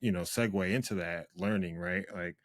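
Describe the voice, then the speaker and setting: A man hosting an interview show, asking questions in a relaxed, casual way with some slang. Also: sits low, moderate pace, no echo, clean studio sound. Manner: relaxed, uses slang like bro. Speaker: podcast host.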